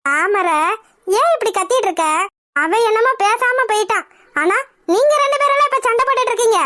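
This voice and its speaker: A woman voicing an older, weary matriarch in a cartoon, trying to calm the others with exasperated pleas. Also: very high voice, brisk. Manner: soothing, exasperated.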